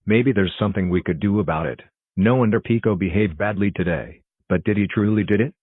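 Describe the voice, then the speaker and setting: A man's voice: lowish voice, fairly quick, no room sound, narrow, tinny audio, lightly acted. A synthetic-sounding man voicing a worried, suspicious cartoon father in a stiff, formal way. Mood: concerned, polite. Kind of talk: scripted cartoon dialogue.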